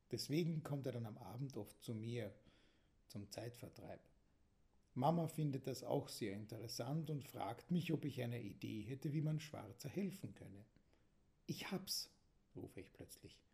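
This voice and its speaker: Gravelly, mellow male storyteller. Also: mid-range voice. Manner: calm, gentle reading that drops to a whisper at times. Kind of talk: reading a children's story aloud.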